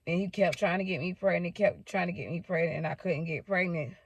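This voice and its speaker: A woman's voice: fairly low pitch, a little fast, creaky, a little hiss or hum. A woman telling a personal story to her viewers in a casual, candid way, swearing freely and speaking straight to them. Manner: candid, profane, addresses viewers directly. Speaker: storytime vlogger.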